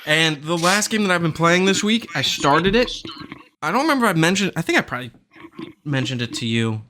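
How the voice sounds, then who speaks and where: Bright-voiced man chatting about games. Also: fairly high pitch, big pitch swings, fairly quick. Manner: rambling, searching for words. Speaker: podcast host. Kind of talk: casual chat.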